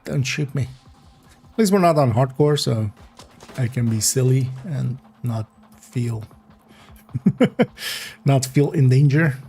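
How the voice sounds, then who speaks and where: A man streaming a game, chatting casually in a rambling, relaxed way and laughing often. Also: mid-range voice, slow, long pauses, breathy edge, faint music behind. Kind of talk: casual gameplay livestream chat.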